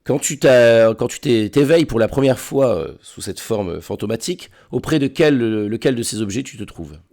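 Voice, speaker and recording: A man narrating a tabletop role-playing game as game master, halting and often repeating words. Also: medium pitch, animated, darkish tone.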